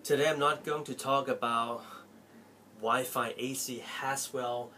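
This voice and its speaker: A young Thai-accented man from Thailand, employed as an Apple store salesperson, makes a sincere, pleading appeal to the camera inside a small cluttered bedroom. His medium-pitched voice keeps a measured pace while its volume swings expressively, over slight background noise.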